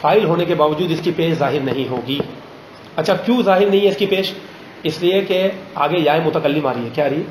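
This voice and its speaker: A man teaching a grammar lesson in a classroom, pausing often to ask students questions and slowing down on examples. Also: on the high side, darkish tone, a little hiss or hum. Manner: drills students with frequent check questions; slows down to spell out example phrases. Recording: roomy classroom echo.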